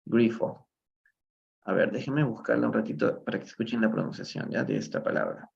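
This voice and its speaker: A man's voice: mid-range voice, fairly quick, creaky, a little mellow, dull audio. A man from Peru teaching English in a live online reading lesson, patiently explaining step by step and switching between Spanish and English.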